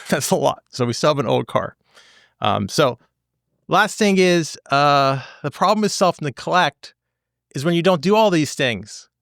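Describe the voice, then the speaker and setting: Animated male podcast host. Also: fairly high pitch, a little slow, gravelly, no echo, clean studio sound. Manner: animated, repeats phrases for emphasis. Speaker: podcast host, divorce attorney. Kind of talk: casual podcast monologue.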